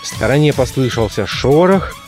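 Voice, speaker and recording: A man reading a literary story aloud in a measured, expressive narration. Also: medium pitch, soft background music. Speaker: audiobook reader.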